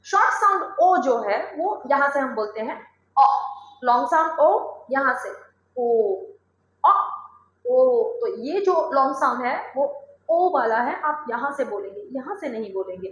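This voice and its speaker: A woman's voice: sits high, big pitch swings, normal speed, hardly any pauses, fairly bright tone, reverberant, rough recording. A woman teaching English pronunciation, drilling word lists aloud and coaxing her students to repeat after her. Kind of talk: spoken phonics lesson.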